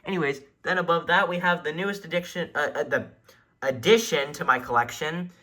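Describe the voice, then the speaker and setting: Speaking a bit fast in a slightly high, pushed and bright voice, an eager hobbyist gives a chatty show-and-tell of the weather radios he collects. He stays off screen, recording on a handheld camera indoors at home; faint noise and clicking buttons can be heard.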